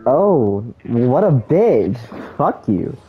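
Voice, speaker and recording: A man's voice: medium pitch, very slow, dull audio, faint music behind. A young man hosting casual gameplay commentary, joking and swearing a lot. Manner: profane, joking, excitable. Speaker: gaming channel host.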